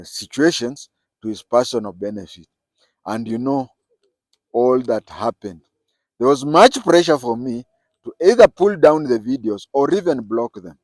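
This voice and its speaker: Deliberate man, dry close sound. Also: medium pitch, darkish tone, dry recording. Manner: deliberate, repeats key points for emphasis. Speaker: political commentator. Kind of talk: solo political commentary.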